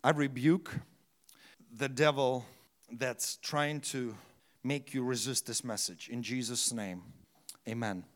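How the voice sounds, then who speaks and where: Speaking slowly with long pauses, a pastor with a medium-pitched voice delivers a sermon. His English is slightly broken, he restarts frequently, and his voice climbs to loud, emphatic shouts before falling quiet.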